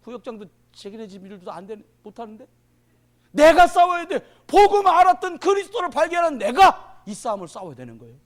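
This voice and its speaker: A man in his fifties preaching a sermon, swinging from loud declarations to muttered asides as he acts out little scenes. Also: very high-pitched, sing-song, fairly quick. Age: 50s. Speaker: pastor.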